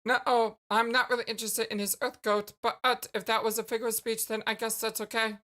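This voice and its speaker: A woman's voice: on the high side, flat delivery, brisk, fairly bright tone, natural voice. A woman voicing a timid, awkward young male alien troll in a game, stammering and hesitant. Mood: flustered.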